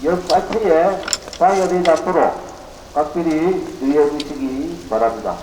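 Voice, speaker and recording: Campsite PA announcer, woman, formal and measured, low-ish voice booming through an echoey outdoor loudspeaker. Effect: heard over an outdoor loudspeaker PA.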